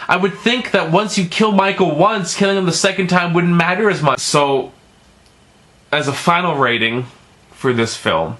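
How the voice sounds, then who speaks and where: A man's voice: medium pitch, sharp tone. A man giving a casual, profane film review, rambling and stumbling over his words, with emphatic, exasperated complaints.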